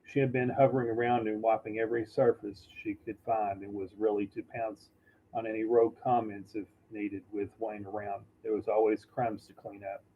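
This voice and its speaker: A man reading a novel aloud in a halting, unpolished way, often stumbling and correcting himself. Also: on the low side, little pitch movement, narrow, tinny audio, slight background noise. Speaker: reader. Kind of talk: amateur audiobook reading.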